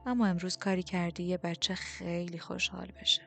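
A woman voicing a calm, cynical male courtier who speaks in a hushed, dry way, in an audiobook. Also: gravelly, faint music behind. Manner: hushed, dry, low-key.

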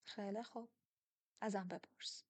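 A woman reading an audiobook, voicing an ancient, powerful man who looks young and speaks quietly and tersely. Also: fairly even intonation, slightly rough, dry recording, natural voice. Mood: guarded. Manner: quiet, low-key and terse. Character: centuries-old powerful man looking young, calm and guarded.

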